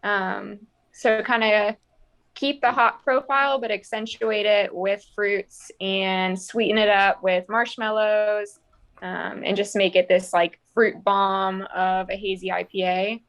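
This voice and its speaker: A woman brewer, a guest on a podcast, calmly explaining technical detail with many fillers. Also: mid-range voice, takes it slowly, smooth. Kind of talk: casual chat.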